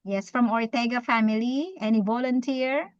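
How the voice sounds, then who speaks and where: Woman, high voice, quick quizzing delivery, dull dry recording. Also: clean tone, no echo. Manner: fast-talking, quizzes the audience, code-switches with English. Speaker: speaker teaching public speaking. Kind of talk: interactive talk to a live audience.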